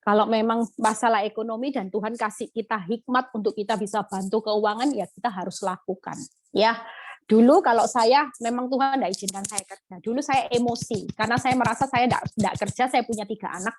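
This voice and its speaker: A woman's voice: fairly high pitch, normal speed. A woman preacher, giving a dramatic testimony sermon and acting out prayers. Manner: dramatic, acts out prayers and God's replies, ends phrases with "Saudara". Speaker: woman preacher at a ladies' fellowship.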